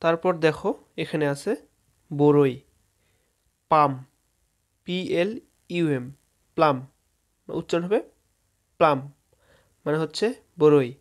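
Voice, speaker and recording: Speaking a little slowly with frequent pauses, this fairly high-pitched man, a native Bengali speaker, walks viewers through English fruit names. He keeps the lesson casual and spells out every word one letter at a time.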